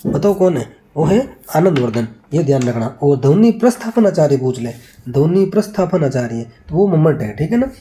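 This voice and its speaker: Guy teaching an exam revision class, kinda high voice but really warm and dark, keeps repeating stuff and asking "right?". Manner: quizzes with rhetorical questions, answers them himself; repeats key points, ends phrases with check-in tags.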